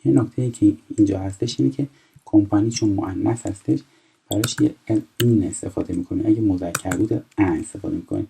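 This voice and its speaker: A man in his twenties from Iran teaching a recorded French lesson, explaining step by step and reading French phrases slowly before translating them. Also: on the low side, gravelly, warm tone, husky, poor audio. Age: 20s.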